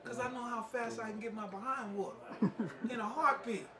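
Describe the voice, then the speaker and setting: At an indoor play-reading gathering, a street-wise New man, heard distantly in the room, talks in a very high-pitched voice with a steady tone at normal speed amid crowd noise. He's a playwright and martial arts master in an informal spoken interview and presentation. The mic is far off in a roomy space, with people in the background.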